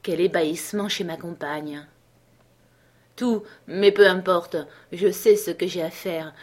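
A woman's voice: fairly low pitch, steady tone, a little slow, a little mellow. Woman reading an audiobook aloud. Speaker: audiobook reader. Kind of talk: audiobook narration.

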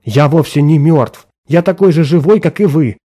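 A man voicing a desperate middle-aged clerk who insists he is alive, pleading and nearly shouting. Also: on the high side, moderate pace, voice pushed up, lightly acted.

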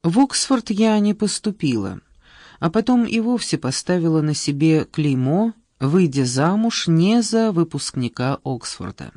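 A woman reading an audiobook, voicing a sharp-tongued, irritable middle-aged Englishwoman who speaks wryly and with exasperation. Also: deep voice, sing-song, a little slow, no room sound, studio quality, exaggerated voice. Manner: wry, exasperated.

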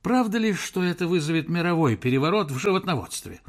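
Give me a man playing a pushy young newspaper reporter who never gets flustered, in a higher voice, for a storybook. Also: animated, fast. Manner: insistent, unabashed.

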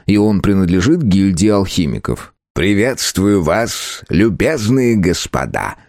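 A man narrating a fantasy game story as an audiobook, in expressive scripted storytelling. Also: deep voice, no room sound, studio quality.

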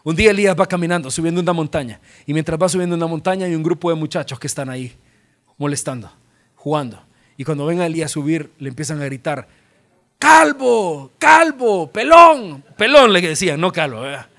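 A male pastor with a Salvadoran accent preaching a sermon, telling Bible stories in an animated, humorous way. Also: fairly high pitch, fast talker. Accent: Salvadoran Spanish.

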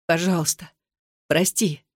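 A reader voicing a tearful pleading young wife. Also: female voice, fairly low pitch, steady tone, measured pace, breathy edge, no room sound, clean studio sound. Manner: soft, whispered pleading. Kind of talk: audiobook dialogue.

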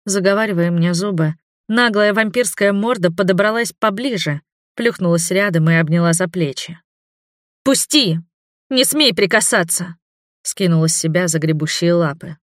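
A man narrating a fantasy audiobook in the first person, in an expressive, dramatic way. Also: high voice, normal speed, dry recording, studio quality.

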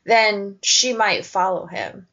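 A woman's voice: medium pitch, very animated, slow pace, fairly bright tone. A woman in a casual podcast chat with a wry, teasing manner. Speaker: podcast co-host. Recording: dull lo-fi podcast audio.

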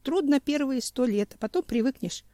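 A woman's voice: sits high, lively intonation, normal speed, mellow, dry recording, voice pushed up. A woman reading an audiobook, voicing an easygoing male crewman who jokes a lot. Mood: joking.

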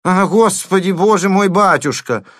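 A man's voice: on the high side, moderate pace, a bit bright, no room sound, pitched above the performer's own voice, lightly acted. A greedy young man with a lisp whines and wails in a thin, raised voice, as a male narrator puts him on. He pleads and complains as if close to tears. The storybook reading sounds dry and close. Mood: wailing. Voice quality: lisping. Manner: wailing, near tears.

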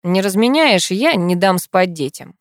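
A woman's voice: mid-range voice, animated, unhurried, dry recording, natural voice. Woman reading the part of a cruel, controlling husband, hissing and mocking, menacing tone, dry close sound, audiobook drama. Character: brutal controlling husband, adult man.

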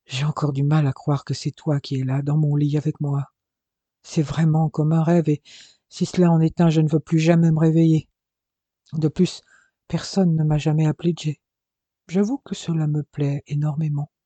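A man voicing an ardent grown man in love, speaking softly and earnestly in a storybook reading. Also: a little high, flat delivery, normal speed, no room sound, muffled recording, lightly acted. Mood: tender.

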